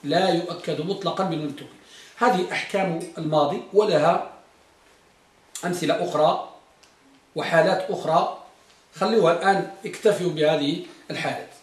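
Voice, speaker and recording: A man teaching grammar to a class, dictating slowly, repeating phrases and quizzing his students. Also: fairly high pitch. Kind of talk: classroom lesson. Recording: echoey room from far off.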